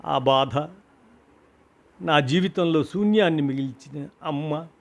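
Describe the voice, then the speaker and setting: A man's voice: a little high, slow pace, gravelly. A man reading a grieving husband's story of loss, emotional and rising to cries at the peaks, in a storybook reading. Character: grieving husband recalling his mother's death.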